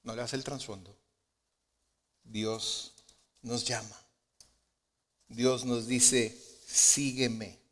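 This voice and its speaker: Male pastor preaching slow, drops quiet then gets loud, big church reverb. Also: little pitch movement. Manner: preaching with rhetorical questions and frequent "¿verdad?"; swings between soft low asides and loud emphatic lines. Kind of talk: sermon. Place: church sanctuary. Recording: long hall reverb of a church sanctuary.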